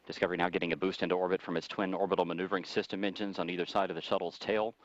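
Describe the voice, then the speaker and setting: A very low-voiced American man reports as a mission control radio commentator. He moves quickly through flight status and figures in a formal, factual manner. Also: little pitch movement, no room sound, highs cut off.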